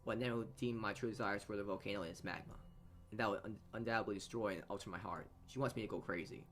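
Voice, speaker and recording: Hosting a let's play, this man reads a visual novel's narration aloud and adds asides, often tripping over words and going back over phrases. His voice is fairly low and fairly bright, steady and quick. Game music runs underneath.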